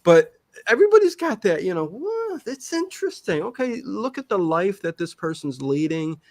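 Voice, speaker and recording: This online show creator, appearing as a guest in a casual interview, has a high-pitched, darkish voice and is very animated, captured in a dry recording. His long-winded answers halt constantly as he interrupts himself and starts his thoughts over.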